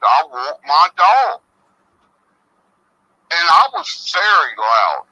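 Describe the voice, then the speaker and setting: A man's voice: medium pitch, bright, forceful tone, no echo. A man telling his story over a cell phone held up to a microphone, rambling with stammered restarts. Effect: muffled cell phone audio held to a mic. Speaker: call-in guest. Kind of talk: storytelling first-hand encounter. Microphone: cell phone placed next to host's microphone. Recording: dull lo-fi phone sound, dry.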